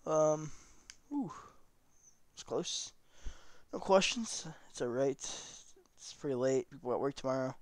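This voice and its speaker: A man's voice: medium pitch, steady tone, unhurried, darkish tone, no room sound. A young man casually chatting to his viewers while playing a truck driving simulator, rambling and laid-back. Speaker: trucking game streamer.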